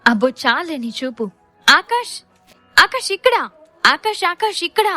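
Woman doing a playful young husband for an audio story, sarcastic banter, voice pitched high. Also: fairly quick, dry recording, faint music behind, natural voice. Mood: teasing. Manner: bantering, mock-exasperated.

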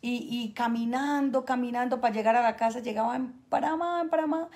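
A young woman, host of a spiritual healing show, telling an emotional family story in a casual, animated way. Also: a little high, brisk. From Colombia.

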